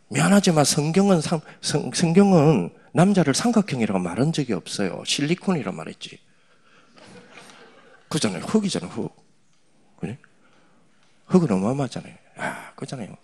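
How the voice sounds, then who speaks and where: A middle-aged man preaching a sermon to young adults. He talks in a teasing, conversational way and swings from loud lines to hushed asides. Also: on the high side, creaky, breathy edge. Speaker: pastor.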